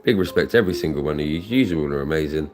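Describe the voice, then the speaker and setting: A deep-voiced British man talks very fast and animatedly on his scratch card live stream, thanking viewers by name and wandering off into rambling asides.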